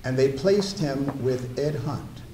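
Here the elderly guest lecturer talks slowly in a warm, mid-range voice, telling stories about his own life and tossing asides to listeners. He stands at a wooden podium mic in a spacious lecture room, and faint hiss or hum is present.

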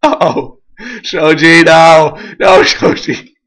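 A high-voiced host playing a game with a friend, chatting excitably, giggling and often shrieking dramatically. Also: slow pace. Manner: frequent shrieks and screams. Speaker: Let's Play host. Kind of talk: excitable gameplay chat.

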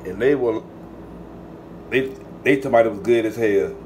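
Cooking in his home kitchen, this Southern American channel host chats casually and directly to his audience, addressing them as "y'all." He speaks at a normal speed in a lowish voice, and there's slight background noise.

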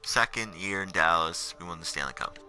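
Fairly quick and pushed-bright, with a voice that sits low, a seventeen-year-old gamer loosely narrates his career mode as a voice-over on menu footage. He's tired from being up in the middle of the night, and music plays behind him.

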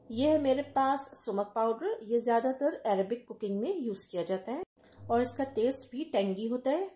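A woman hosting a home cooking channel, calmly explaining each recipe step to viewers in a voice-over. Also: fairly high pitch, echoey room. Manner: calm step-by-step explaining, addresses viewers directly. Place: home kitchen.

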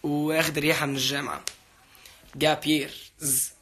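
A man's voice: a little high, level tone, moderate pace, fairly bright tone, breathy edge. A young man hosting a casual livestream, chatty and playful as he reads out and thanks his fans. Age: young adult. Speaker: livestream host answering viewer comments. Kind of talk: casual live chat.

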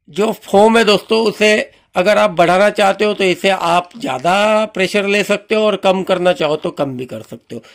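Male host, high voice, casual how-to demo. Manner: friendly instructional, repeats "जी हाँ दोस्तों". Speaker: channel host demonstrating a car washer.

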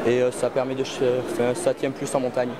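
A man's voice: medium pitch, completely flat delivery, fairly quick, heavy background noise. A young man being interviewed at an agricultural fair, answering casually with many hesitations and fillers. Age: young adult. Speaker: breeder's son presenting donkeys. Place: busy indoor agricultural fair hall. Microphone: handheld reporter mic.

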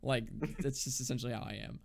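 Gravelly young man chatting casually. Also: mid-range voice, fairly even intonation, fast, darkish tone, slight background noise. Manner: rambling, self-deprecating, laughs often. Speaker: podcast co-host. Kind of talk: casual chat.

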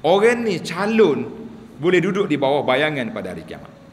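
A man's voice: fairly high pitch, huge pitch swings, moderate pace, long reverb tail, a little hiss or hum. A man giving a sermon lecture, telling humorous stories and acting out quotes. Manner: humorous storytelling, acts out quotes. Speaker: religious teacher.

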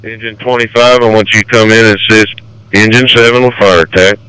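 A man's voice: fairly low pitch, flat delivery, a little fast, sharp tone, smooth, rough recording. A man giving urgent, terse orders over fire department two-way radio as the incident commander.

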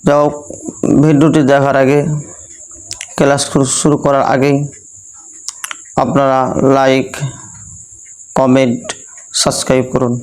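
A man's voice: medium pitch, completely flat delivery, a little slow, long pauses, a little mellow, low-quality recording. A young Bangladeshi man teaching Quran recitation to a class, repeating each point and asking his students rhetorical questions. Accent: Bangladeshi Bengali. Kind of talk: classroom lesson with call-and-response.

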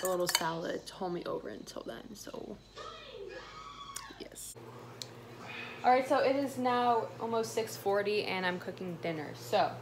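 A woman's voice: mid-range voice, noisy background. Chatty young woman vlogging in her kitchen. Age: young adult. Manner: chatty, rambling, lots of "like" and "um". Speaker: fitness vlogger. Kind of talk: casual vlog chat. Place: home kitchen.

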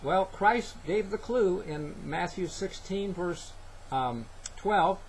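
An older man giving an earnest Bible teaching to a webcam in a small room, halting with fillers. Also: high-pitched, lively intonation, slight background noise, low-quality recording. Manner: earnest, halting, with many fillers and scripture citations. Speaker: preacher. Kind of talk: sermon-style Bible teaching. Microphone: webcam, head-and-shoulders framing.

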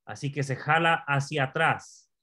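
Brief: male tutor, slow and patient, raised pitch, repeats each word for a learner. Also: sharp tone. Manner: slow, repeats words, asks the learner questions. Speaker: Hebrew teacher. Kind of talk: patient classroom explanation.

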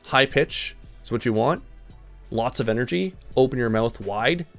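A man's voice: mid-range voice, lively intonation, moderate pace, soft background music. A man coaching a player, giving direct instructions and repeating key points. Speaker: gaming coach. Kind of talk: coaching session with game review.

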